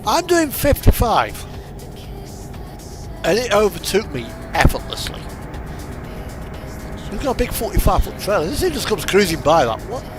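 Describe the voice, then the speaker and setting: A British gaming streamer rambles casually and a bit hesitantly while playing a truck driving simulator, tossing out loose asides. His high voice swings widely in pitch at a moderate pace with frequent pauses. Music and engine sounds play behind him.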